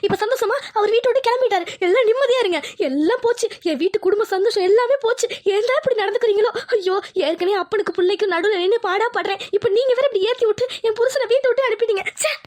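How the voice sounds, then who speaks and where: A bitter, distraught village wife in a cartoon family drama, voiced by a woman. Her reproaches come out in a very high voice. She talks rapidly. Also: darkish tone. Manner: reproachful, wailing.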